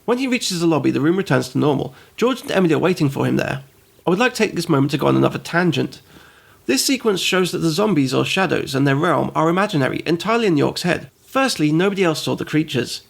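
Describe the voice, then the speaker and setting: Sarcastic gravelly man reviewing a game. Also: fairly high pitch, expressive, quick pace. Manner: sarcastic, goes off on tangents. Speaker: host and reviewer. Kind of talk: comedic game review narration.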